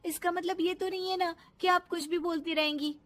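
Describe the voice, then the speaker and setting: A woman voicing a meek, cheerful young daughter-in-law in an animated story, with a pleading, excitable way of speaking. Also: very high-pitched, a little fast, pitched above the performer's own voice. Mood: defiant.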